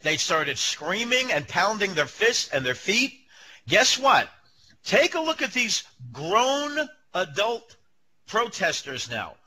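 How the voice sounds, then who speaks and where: A man's voice: high voice, sing-song, slow pace, bright, forceful tone, slight background noise, rough recording. A man co-hosting a comedy show, ranting in an exasperated way.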